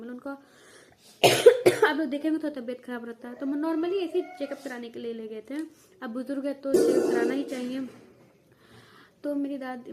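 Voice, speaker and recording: High-voiced young woman vlogging from home. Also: darkish tone. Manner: rambling, many restarts and fillers, talks straight to viewers. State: coughing now and then. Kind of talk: casual vlog storytelling. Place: at home, family nearby.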